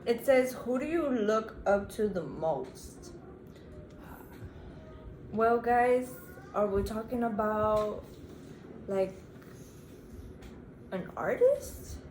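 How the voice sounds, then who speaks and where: Unhurried young woman chatting to viewers. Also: medium pitch, darkish tone, reverberant, slight background noise, poor audio. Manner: chatty, keeps addressing viewers as "guys". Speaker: vlog co-host. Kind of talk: casual Q&A vlog chat.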